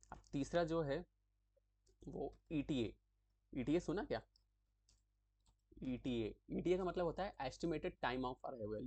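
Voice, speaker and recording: Male tutorial host, mid pitch, chatty and repetitive, close dry mic. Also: no room sound. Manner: chatty, repeats terms slowly, frequent "thik hai" check-ins. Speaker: tutorial creator explaining acronyms. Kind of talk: casual explanatory lesson.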